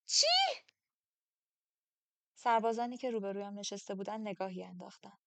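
A woman narrating a first-person audiobook in a measured, steady storytelling voice, close to the mic. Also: medium pitch, dry recording.

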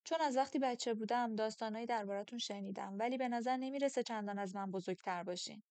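A blunt, curious young orphan woman, voiced by a woman audiobook reader, firing off direct questions. Her voice sits a little brighter than the narration. The recording is dry and close. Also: fairly high pitch, no room sound, close to an everyday voice. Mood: curious, indignant. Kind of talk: audiobook character reading.

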